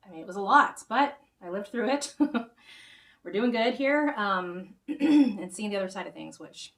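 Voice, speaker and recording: A woman hosts her own music show, chatting casually with viewers and rambling with lots of restarts. Her medium-pitched, fairly bright voice is animated and measured in pace, though a bit worn as she's slightly losing it. The audio is roomy, with the mic far away and a guitar faintly audible.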